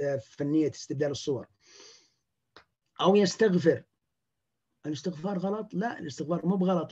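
A man, a clinician giving a lecture, talking in an animated way and acting out the words of patients. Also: fairly high pitch, slightly rough, dull audio.

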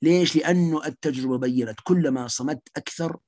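A man's voice: a little high, fast, a little mellow, no room sound. A man giving a slide lecture on social anxiety as a psychiatrist, emphatic and repeating key points.

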